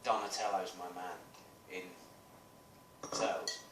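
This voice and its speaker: A man's voice: low voice, a little slow, roomy sound, distant mic, slight background noise. Swearing British man in his thirties. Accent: British English. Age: 30s. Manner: animated, swearing, storytelling. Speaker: podcast co-host. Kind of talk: casual chat.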